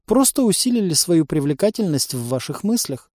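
Squeaky little alien captive lady, man putting it on, high and confused, dry audiobook sound. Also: sing-song, brisk, a little mellow, dry recording. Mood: squeaky bewildered. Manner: squeaky, puzzled, childlike. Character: frightened, naive female alien captive.

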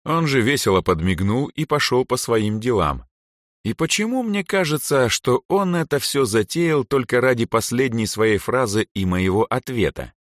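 A man narrating a fantasy audiobook in first person, calm and dryly ironic. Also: medium pitch, moderate pace, few pauses, no room sound, clean studio sound.

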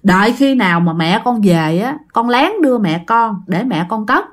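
A woman voicing a kindly old grandmother who speaks low and reassuringly. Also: animated, moderate pace, close to an everyday voice. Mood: soothing.

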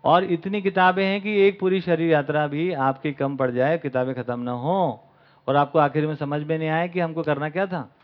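A man's voice: on the high side, fairly even intonation, normal speed. Male camp lecturer, raised voice, mixes in English words, rhetorical questions; muffled lo-fi audio. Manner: asks the audience rhetorical questions. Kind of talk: spoken lecture to a live audience. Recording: dull lo-fi recording.

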